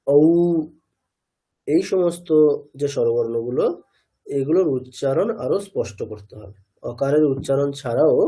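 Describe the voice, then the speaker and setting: A man's voice: mid-range voice, mellow. A man with a Bengali accent teaching a classroom lesson on Sanskrit pronunciation, patiently explaining with repeated spoken examples.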